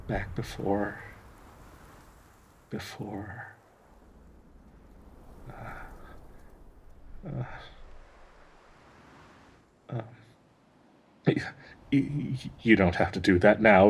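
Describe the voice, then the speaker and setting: Heavily acted and fairly low-pitched, a man's breathy performance as a devoted, gentle dryad tree spirit fills this intimate audio roleplay. He sounds anxiously hopeful but faltering and sad, stammering tenderly with nervous little laughs.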